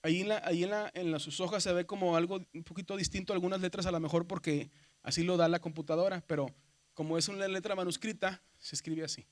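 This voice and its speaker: High-voiced man teaching Greek letters. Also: fairly even intonation, quick pace. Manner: patient, repeats "¿verdad?" and spells letters aloud; addresses students as brothers. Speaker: Greek teacher at a Bible seminary. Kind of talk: classroom lesson. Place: classroom.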